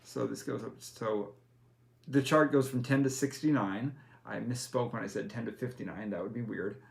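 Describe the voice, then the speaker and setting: This game master has a gravelly, mid-range voice and an ordinary speaking speed. He takes a player patiently through character creation for a tabletop game, one step at a time, with plenty of fillers and self-corrections.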